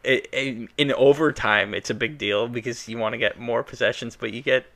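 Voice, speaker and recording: A man's voice: mid-range voice, fairly even intonation, normal speed, a bit bright. A man co-hosting a casual film chat, explaining things at length and chuckling. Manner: explains at length, chuckles, talks over his co-host. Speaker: podcast co-host.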